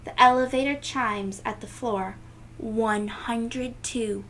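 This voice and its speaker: The audio is poor, with a little hiss or hum, as a woman with a slightly high voice hosts a children's read-aloud. She's animated and emphatic, lengthening words, gasping, doing sound effects and chatting to the listeners while reading the storybook expressively.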